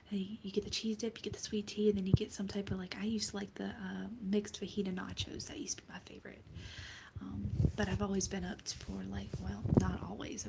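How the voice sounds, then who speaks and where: In bed at home, a young Southern US woman vlogs to her viewers in a soft, unvoiced whisper, rambling casually with plenty of fillers and restarts. Her voice sits at a medium pitch with a gravelly texture, and the background is noisy.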